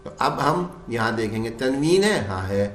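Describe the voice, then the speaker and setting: Expressive and a bit bright, a medium-pitched man explains Quran recitation rules, posing questions to students and answering them himself. He chants example verses slowly, and the sound is reverberant.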